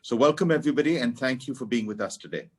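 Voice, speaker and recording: A man's voice: mid-range voice, animated, fast talker, slightly rough. A man giving a formal, courteous welcome as the host of an online talk. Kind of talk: formal webinar welcome address.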